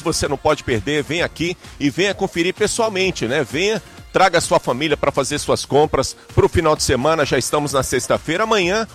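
A Brazilian man with a fairly high voice reports live for radio in a promotional style. He is chatty and keeps urging listeners to come along, with faint music behind him. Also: fairly bright tone. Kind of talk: live promotional broadcast from a shop.

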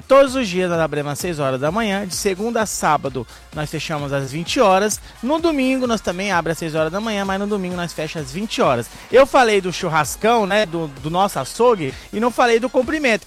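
A Brazilian man with a high-pitched voice works as a supermarket spokesman on the radio. He delivers his promotional pitch like a market barker, listing items and prices one after another over light music. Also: a bit bright. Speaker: supermarket spokesman reading out offers.

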